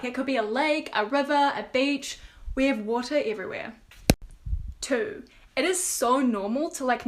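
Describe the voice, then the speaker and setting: Brief: Kiwi woman, high bright pitch, loose chatty listing. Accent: New Zealand. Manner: chatty, lots of "like". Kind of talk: casual chat to camera.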